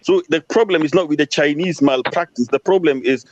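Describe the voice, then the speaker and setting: A man's voice: a little high, brisk, dull audio, a little hiss or hum. A man lecturing on geopolitics, emphatic and fond of rhetorical questions. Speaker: discussion participant. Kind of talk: lecturing commentary.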